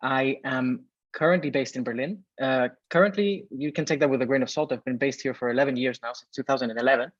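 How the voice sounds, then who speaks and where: A man from Venezuela, in his thirties, reads chat messages aloud while hosting a live webinar from a Berlin home or office room, chatty and filling pauses with filler words. His medium-pitched voice moves quickly with few pauses, and the dull, dry video call audio has no room sound.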